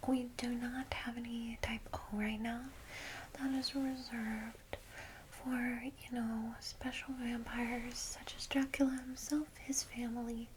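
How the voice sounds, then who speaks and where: In a close, breathy ASMR whisper, a woman with a voice on the high side plays a kindly vampire secretary, softly and gently reassuring a newly turned vampire she is guiding. The creator's roleplay is recorded with clear background noise.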